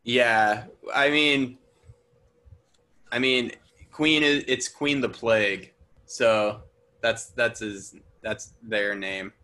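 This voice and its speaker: Podcast dude chatting easy, bright edgy voice, laughs a lot between stuff. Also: male voice, medium pitch, steady tone, drawn-out words, pauses often. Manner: laid-back, laughs between points. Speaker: podcast co-host. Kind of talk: casual chat.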